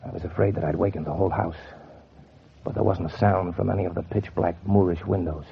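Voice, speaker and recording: In a dull, noisy 1940s radio recording, an actor narrates as a cold-blooded, bitter man bent on vengeance, with brooding noir style and sardonic deliberation. His gravelly voice sits low and moves fast with fairly even intonation, sounding grim and determined.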